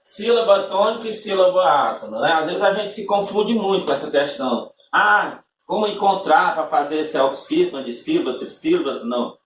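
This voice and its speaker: A man's voice: high-pitched, expressive, moderate pace, hardly any pauses, fairly bright tone, recorded from a distance, slight background noise. A man teaching a lesson, explaining patiently step by step and often checking in with his listeners. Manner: patient step-by-step explaining, frequent tag questions. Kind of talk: recorded classroom-style lesson. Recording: echoey room, voice from off-mic.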